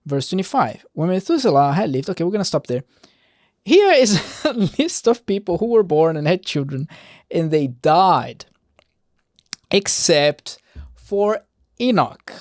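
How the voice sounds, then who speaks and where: A man's voice: on the high side, big pitch swings, normal speed, a little mellow, no echo, studio quality. A man hosting a podcast, reading Bible verses plainly and breaking off into casual commentary, sometimes stumbling and restarting while he explains. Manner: reads verses plainly, breaks off with asides and chuckles. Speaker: podcast host reading scripture.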